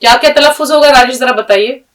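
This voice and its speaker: A woman's voice: high-pitched, fast, far from the mic. A woman teacher giving a patient script and pronunciation lesson, spelling out letters one by one and telling a fable to a student. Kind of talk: language lesson with a story.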